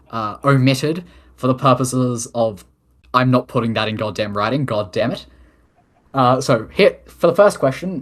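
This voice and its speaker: A medium-pitched, fairly bright voice belongs to the head of government of an online role-play nation. They answer submitted questions in a mock-formal address, reading official statements and adding casual remarks.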